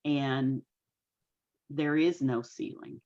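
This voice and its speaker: A folksy woman in her sixties with a low, deep-set voice speaks earnestly and at a measured pace as an interview guest. Her voice comes through a video call that sounds dull and lo-fi. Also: a little mellow. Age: 60s. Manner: folksy, homespun phrasing. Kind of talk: casual interview talk.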